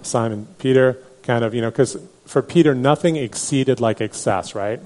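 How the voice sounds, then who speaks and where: A man's voice: medium pitch, normal speed, a little mellow. A man teaching a Bible class in a conversational way, with many fillers and restarts. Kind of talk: Bible study lecture.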